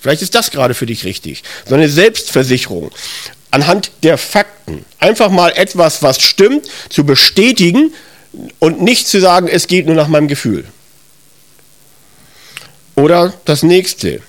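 Middle-aged male preacher, slightly high voice, chatty sermon style, asks the congregation questions. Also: very animated, moderate pace, a bit bright. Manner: conversational, addresses listeners directly, with self-corrections. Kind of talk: sermon with Bible reading.

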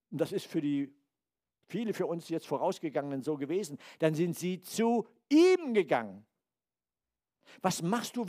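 An older man in his seventies preaches with a lively voice that swings high and low. His pitch sits a bit above the usual for a man, and he acts out little quotes before falling back to quiet asides. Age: 70s. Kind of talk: sermon.

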